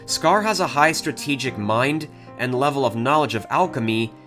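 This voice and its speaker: A man's voice: medium pitch, animated, normal speed, fairly bright tone. Man narrating a scripted video over music. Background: guitar music.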